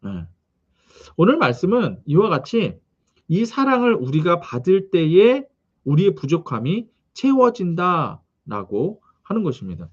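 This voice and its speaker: A pastor reads scripture and animatedly explains its background during a sermon, often putting questions to the congregation. His high voice is breathy-edged and measured in pace, and the audio sounds dull.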